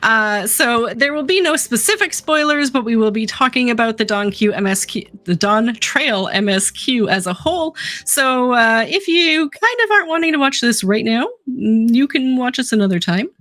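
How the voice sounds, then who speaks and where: A woman's voice: fairly high pitch, lively intonation, moderate pace, fairly bright tone, dry recording. A woman hosting a casual gaming podcast, chatty and self-deprecating, laughing often. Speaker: podcast co-host.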